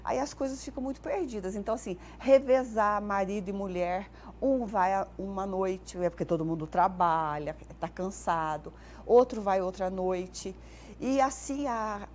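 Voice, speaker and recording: A woman's voice: mid-range voice, unhurried, darkish tone, a little hiss or hum. A Brazilian speech therapist, a woman, guesting on a TV morning show and explaining child speech development, animatedly acting out sounds. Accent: Brazilian Portuguese.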